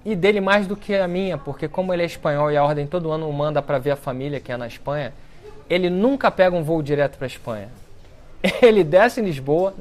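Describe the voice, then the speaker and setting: Animated man telling a story to an audience. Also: a little high. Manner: animated storyteller who acts out quoted speech. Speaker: speaker at a book launch talk. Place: lecture event before an audience.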